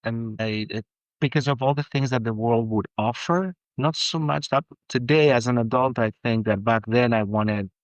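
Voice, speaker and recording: A man from Argentina, a perfumer, talking as a guest in a casual interview, halting with many restarts and growing animated when excited. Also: medium pitch, dry recording, highs cut off.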